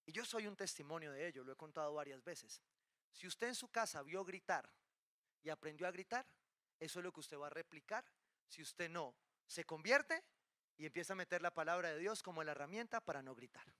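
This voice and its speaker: A male pastor preaching a sermon in a lively way, often checking in with the congregation through quick rhetorical questions and playful asides. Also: fairly high pitch, dry recording. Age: adult, married with children.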